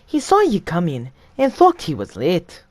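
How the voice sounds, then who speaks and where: A man's voice: high voice, wildly swooping pitch, a little slow, no echo, pitched above the performer's own voice, exaggerated voice. A man voicing a cheeky male steam engine who plays innocent, in a storybook reading.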